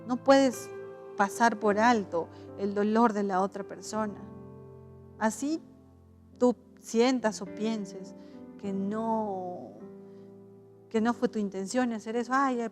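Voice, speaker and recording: A woman's voice: medium pitch, fairly even intonation, unhurried, a little mellow. A woman pastor delivers a sermon in an easy, conversational way, restarting her sentences and tossing in little tag questions. She acts out the voices of the people she quotes. Faint music plays under her voice throughout.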